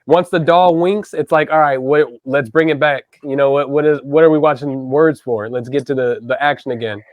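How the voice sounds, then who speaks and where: A man in his thirties hosts a casual podcast interview, enthusiastic and chatty, tossing out "dude" and "man" constantly. His voice is on the high side at normal speed, and the recording sounds dry and dull.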